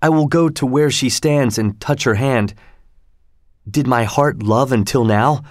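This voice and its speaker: A man's voice: medium pitch, unhurried, no room sound, clean studio sound, close to an everyday voice. Romeo, a man voicing a lovestruck young nobleman. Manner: poetic, earnest.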